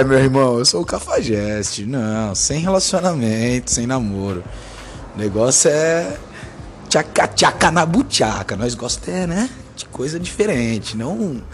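A man in his thirties with a Brazilian Portuguese accent, telling a bawdy personal anecdote in a joking, casual way. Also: medium pitch. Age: 30s. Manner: bawdy, joking, lively storytelling. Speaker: storyteller.

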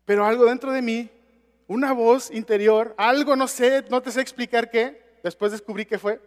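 A man preaching, his voice pitched strikingly high for a man. He tells a story in a casual, conversational way, speaking straight to his listeners. The sound rings out with the long reverb of a large hall. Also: steady tone, normal speed. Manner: conversational, addresses listeners directly. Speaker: pastor. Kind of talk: sermon storytelling.

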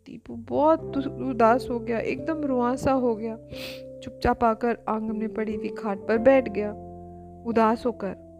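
A woman narrating a children's story in a lively, expressive way with chatty asides to the listener. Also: fairly high pitch, unhurried. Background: background music.

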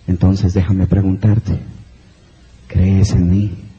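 A man voicing a solemn heavenly voice that speaks slowly, deep and measured. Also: flat delivery, mellow, reverberant, long reverb tail, highs cut off.

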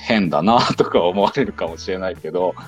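A man with a very low voice talks through language teaching in a relaxed online audio chat. He explains things patiently and step by step. Soft music sits faintly in the background. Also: fairly quick, dull audio.

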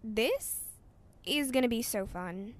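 A woman's voice: fairly high pitch, expressive, slow, no room sound. A female actor playing a cool, sardonic, menacing girl in a horror audio drama.

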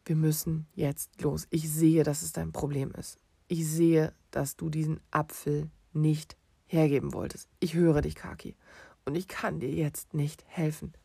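A man voicing a hurried but patient father who explains things loudly and firmly. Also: fairly high pitch, vocal fry, breathy edge, dry recording. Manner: loud, insistent, calm explaining under time pressure.

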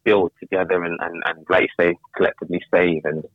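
A man's voice: deep voice, flat delivery, fast, dry recording, narrow, tinny audio. A young man chatting as a guest on a podcast, reflective and hesitant, often repeating words as he thinks. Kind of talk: casual podcast conversation.

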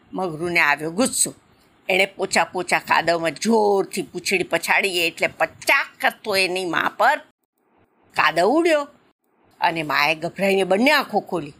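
A woman narrating a children's story in a lively, expressive way. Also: on the low side.

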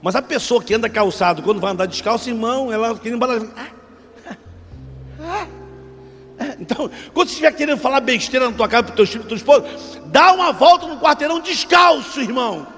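A middle-aged Rio de Janeiro preacher with a high, lifted voice, delivering a fervent sermon. He calls his listeners brother and drops to near-whispers before rising to loud outbursts. His words ring out with a long church-hall reverb and faint music underneath. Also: quick pace, husky. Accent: Rio de Janeiro Portuguese.

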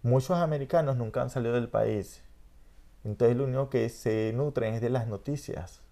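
A man's voice: mid-range voice, normal speed, dark tone. A middle-aged man with a Venezuelan accent, hosting a podcast in a reflective, rambling conversational way. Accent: Venezuelan Spanish. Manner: reflective, rambling, frequent "¿entiendes?". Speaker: podcast host. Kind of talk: casual conversation.

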